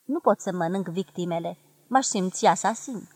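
A woman voicing a gentle middle-aged man, a poet friend, speaking softly and wistfully. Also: on the low side, breathy edge, no room sound. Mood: earnest.

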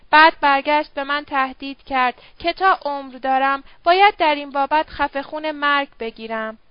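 A woman's voice: high voice, dry recording, lightly acted. A woman reading the part of a young servant girl confessing, in colloquial, rueful speech. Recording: dull dry lo-fi audio.

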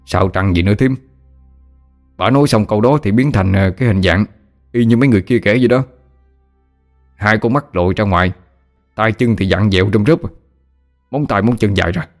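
A man's voice: fairly low pitch, brisk, long pauses, soft background music, natural voice. A man playing a joking exorcist who teases his listeners with mock innocence. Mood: teasing. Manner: teasing, playfully mock-innocent. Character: joking young exorcist, sly storyteller.

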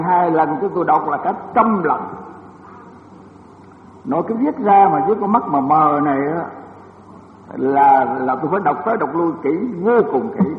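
An older man, a Buddhist monk, giving a rambling dharma lecture with many fillers and self-deprecating asides in a temple lecture hall. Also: on the high side. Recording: tinny lo-fi, echoey hall, faint hiss.

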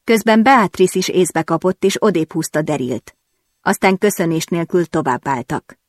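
Low-voiced woman narrating an audiobook. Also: no room sound, clean studio sound. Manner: expressive, even storytelling. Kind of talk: first-person audiobook narration.

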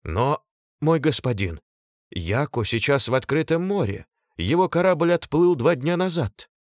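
A man's voice: on the high side, very animated, a little slow, no echo, clean studio sound, pitched above the performer's own voice. A man reading an audiobook and voicing a frightened chief of the guard who speaks hesitantly and stammers. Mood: fearful.

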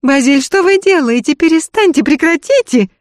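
A man's voice: very high voice, lively intonation, moderate pace, no room sound, studio quality, voice pushed up. A man voicing a capricious, hysterical young noblewoman with a Polish accent in an audiobook. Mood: capricious complaining. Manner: shrieking, frantic, capricious.

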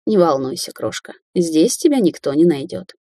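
A woman's voice: sits low, very animated, normal speed, dark tone, dry recording. Woman voicing a smug cruel sorceress. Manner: theatrical, mocking, turns to hissing threats. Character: smug cruel adult female sorceress, teasing and vicious.

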